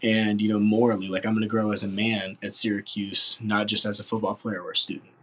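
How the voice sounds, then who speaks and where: A man's voice: fairly low pitch, flat delivery, a little fast, a bit bright, poor audio. A man in his late teens from West Virginia, answering interview questions in an earnest, rambling way full of filler words. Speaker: football recruit interviewee.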